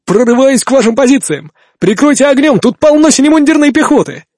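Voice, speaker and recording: A cheerful tank commander, as a male narrator puts him on, barks his reports over a crackling field radio. His voice is raised high, crisp and announcer-like, and sounds set back from the microphone. The delivery is brisk and upbeat. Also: lively intonation, no room sound, clean studio sound. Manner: bright, almost announcer-like. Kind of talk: audiobook reading.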